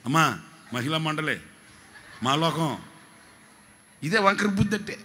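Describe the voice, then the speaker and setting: Fiery, bright-voiced pastor. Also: male voice, animated, unhurried, a little hiss or hum. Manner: shouting, urging the crowd to clap and say amen; drops to a low, joking storytelling tone. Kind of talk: whole-night prayer sermon.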